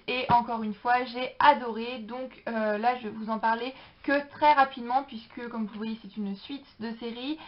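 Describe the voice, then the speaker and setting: A woman giving a chatty, enthusiastic book review with many hesitations. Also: fairly high pitch. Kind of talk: casual book review vlog. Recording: dull lo-fi sound.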